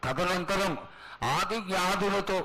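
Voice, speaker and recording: A man's voice: high voice, steady tone, slow, pushed and bright, poor audio. A man speaking as a priest, addressing a goddess in formal, ornate and reverent devotional speech. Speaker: priest questioning the oracle. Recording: live event with faint background noise.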